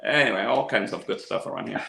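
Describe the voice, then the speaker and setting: In an echoey room, a fifties-aged Venezuelan man talks quickly in a lowish, creaky, bright voice with a forceful tone. He's the guest in a laid-back interview, an audio equipment seller who loves music and gear and spins stories with talkative enthusiasm.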